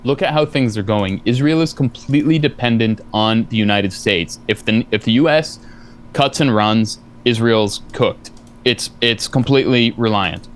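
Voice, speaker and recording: A man's voice: mid-range voice, normal speed, slight background noise. A man in a heated debate, talking insistently in a lecturing way and cutting in with repeated no's. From family from Eastern Europe. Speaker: debate guest.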